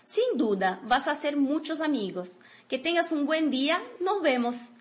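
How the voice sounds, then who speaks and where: A woman's voice: high voice, animated, normal speed. A woman reading a polite male office worker's lines from a textbook dialogue in a plain, courteous way.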